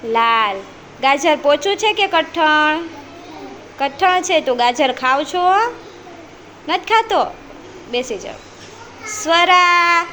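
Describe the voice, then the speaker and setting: Woman preschool teacher, very high voice, unhurried patient questioning, faint room hum behind. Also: expressive, bright, forceful tone. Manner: slow, patient, repeats each child's answer. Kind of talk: classroom questioning of small children. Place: preschool classroom.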